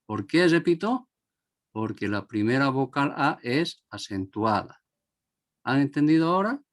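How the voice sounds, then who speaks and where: A man's voice: mid-range voice, sing-song, a little slow. A man teaching a grammar lesson to a class, repeating each example word and asking if everyone understood.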